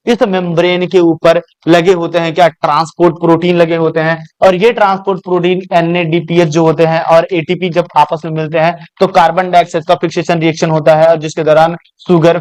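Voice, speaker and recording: High-voiced male biology teacher, dry sound. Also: darkish tone, dry recording. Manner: asks questions and answers them himself, calls students beta. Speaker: coaching teacher. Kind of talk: classroom biology lecture.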